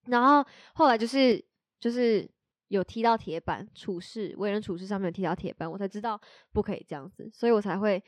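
Young woman co-host, mid-pitched, chatty and frank, recorded dry and close. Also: brisk, dry recording. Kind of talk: casual chat.

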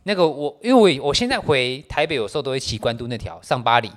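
A man with a Taiwanese Mandarin accent chatting on a podcast at a quick clip. His pitch sits in the middle of the male range. He tells a story in a laid-back way and drops mild slang along the way. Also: big pitch swings. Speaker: podcast co-host. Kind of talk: casual chat.

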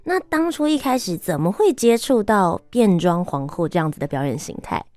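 A woman's voice: medium pitch, expressive, moderate pace, dark tone, no room sound. A woman hosting a show and interviewing a guest in a presenter's style. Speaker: host.

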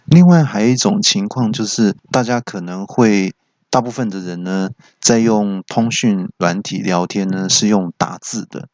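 Quick-talking man telling jokes. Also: lowish voice, no room sound, lo-fi sound. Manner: animated, self-mocking, quick anecdotes. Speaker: podcast host. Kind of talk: comic storytelling monologue.

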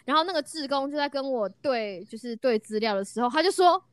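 Woman chatting, quick and animated, voice jumps around a lot, dry close sound. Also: high-pitched, clear, resonant tone, dry recording. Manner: animated storytelling, drops English words into Mandarin. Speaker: storyteller in a chat. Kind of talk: casual chat.

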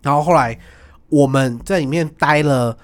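A young adult man, a guest, telling stories in a lively casual chat and acting out the voices of people in them. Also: on the high side. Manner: animated, quick, acts out voices in his stories.

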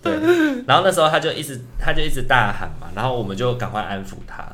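A man's voice: mid-range voice, expressive, quick pace, bright, forceful tone. A man, casually telling a ghost story on a podcast at night, rambling with lots of fillers and restarts. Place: indoor recording at night.

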